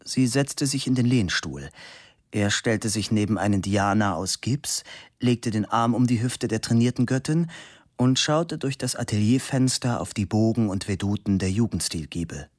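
A man reading a novel aloud as narrator, expressive and lively. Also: on the low side, normal speed, no echo, studio quality. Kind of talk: audiobook narration.

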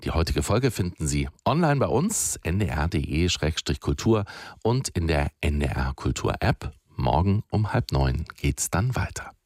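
Deep-voiced male radio announcer. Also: very animated, unhurried, a little mellow. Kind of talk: scripted radio continuity announcement.

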